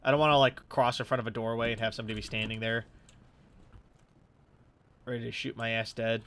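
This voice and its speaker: This gaming YouTuber talks a little fast in a mid-range, slightly bright voice with flat delivery. Sitting in his room at home with a slightly stuffy nose, he gives casual, profanity-laced let's play commentary, musing aloud as he goes.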